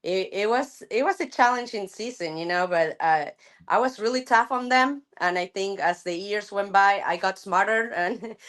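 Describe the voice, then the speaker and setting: A middle-aged woman from Argentina, a softball coach chatting thoughtfully in an interview, with many fillers and restarts. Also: medium pitch, moderate pace. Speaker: college softball head coach. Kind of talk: casual interview chat.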